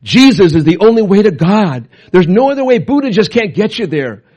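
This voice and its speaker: A middle-aged man, a pastor telling stories in an excitable, animated sermon. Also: fairly quick, slightly rough, dull audio. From Canada. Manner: animated, excitable, jumps up and down in pitch. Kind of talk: storytelling sermon.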